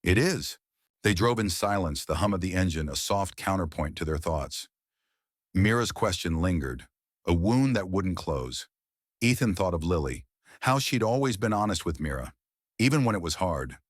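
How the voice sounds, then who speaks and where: Narrator, male, very low voice, measured dramatic delivery, dry sound. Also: expressive, slightly rough, no room sound. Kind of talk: scripted narration.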